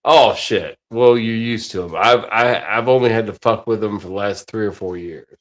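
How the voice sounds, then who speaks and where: A man's voice: lowish voice, normal speed. A man in his late forties chatting casually on a podcast, rambling, swearing often and restarting his sentences. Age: 40s. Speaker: podcast host. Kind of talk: casual chat.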